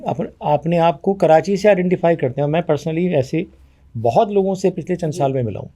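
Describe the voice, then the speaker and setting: A man giving an interview, arguing forcefully and acting out both sides of past conversations. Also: a little high. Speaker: guest.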